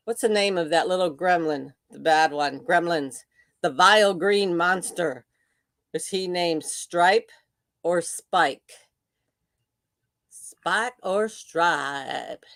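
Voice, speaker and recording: A woman's voice: on the low side, takes it slowly, a bit bright, dry recording, studio quality. An older woman hosting a casual livestream, chatting with viewers and reading their comments aloud with frequent laughs. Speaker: livestream host.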